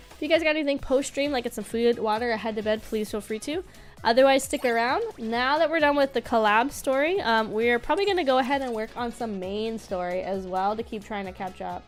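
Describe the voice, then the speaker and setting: A woman with a fairly high voice chats to her livestream in a cute, bubbly anime-streamer manner. She is playful and talkative, often repeating words, over background music. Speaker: game streamer. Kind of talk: casual livestream chat.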